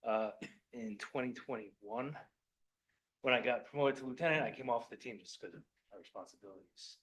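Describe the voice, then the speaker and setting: A man who is a police lieutenant, addressing a village board meeting, choked up and halting, apologizing and repeating words as he explains. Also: mid-range voice, fairly bright tone, slight background noise, poor audio. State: choked up with emotion. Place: municipal meeting room.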